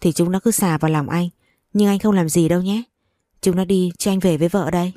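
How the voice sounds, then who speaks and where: A woman's voice: on the low side, fairly even intonation, a little fast, dark tone, no echo, clean studio sound, lightly acted. Woman reading as a tipsy, coaxing young husband.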